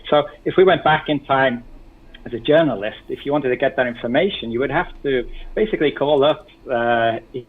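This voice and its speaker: Englishman with a softened Birmingham accent. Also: mid-range voice, fairly quick. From England. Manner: hesitant, many ums and restarts. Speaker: guest. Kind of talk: casual explanatory chat. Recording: tinny phone-like line.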